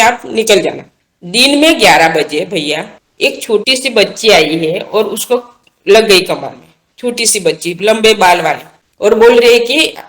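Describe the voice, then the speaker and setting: Her voice medium-pitched and fairly bright, an earnest woman being interviewed shares a personal faith experience in plain, casual words, circling back to repeat and restart phrases as she goes.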